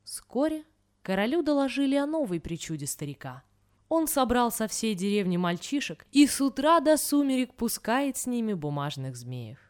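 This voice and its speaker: A woman reading a folk tale aloud in an expressive storytelling manner. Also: fairly high pitch, normal speed. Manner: expressive, sing-song storytelling.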